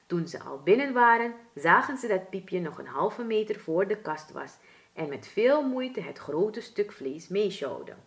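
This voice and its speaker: A woman with a Surinamese Dutch accent reads a children's storybook aloud, taking her time over every sentence. Her voice swings lively up and down as she tells it. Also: on the low side, gravelly. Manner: expressive, deliberate.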